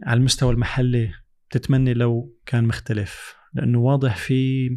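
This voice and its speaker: Male interviewer, Levantine Arabic accent, average pitch, supportive and conversational, code-switching into English. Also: flat delivery, brisk, a little mellow. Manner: encouraging.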